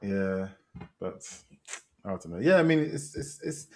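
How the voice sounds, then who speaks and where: A man's voice: low voice, animated, unhurried, a little hiss or hum. A British man co-hosting a film podcast, easygoing and agreeable, often answering with "yeah" and "mm". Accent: British, London slang. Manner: laid-back, agreeable, many "mm" and "yeah" replies. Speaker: podcast co-host. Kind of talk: casual chat.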